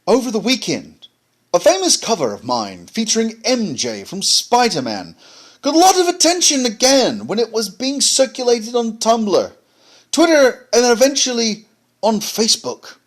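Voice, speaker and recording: Guy doing a snooty high sing-song fancy-pants voice, smug and sarcastic. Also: sing-song, moderate pace, heavily acted.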